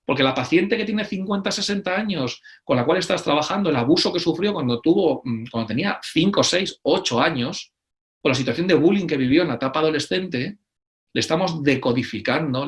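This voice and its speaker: A middle-aged man with a Spain Spanish accent gives an animated conference talk, acting out quoted voices between frequent hesitations. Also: medium pitch. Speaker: conference speaker.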